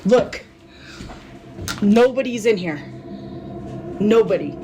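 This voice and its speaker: A mother films her dark house at night on a phone, panicked and breathless, whispering at times. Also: medium pitch, expressive, takes it slowly, slight background noise. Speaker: mother filming at home. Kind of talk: frightened home video recording. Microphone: phone camera in hand. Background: music.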